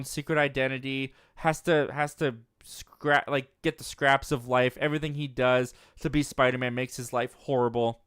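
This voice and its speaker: A man's voice: on the high side, fairly bright tone, clear, resonant tone, dry recording, studio quality. Chatty young man hosting a live movie chat. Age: 20s. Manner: chatty, self-deprecating, laughs at his own jokes. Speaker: host of a live movie show. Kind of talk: casual live-stream chat reading viewer comments.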